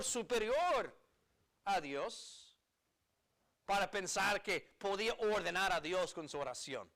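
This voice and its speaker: A pastor preaches an earnest sermon in a sharp, high-pitched voice, hammering emphatic phrases and repeating key words. He is a native English speaker with an American accent.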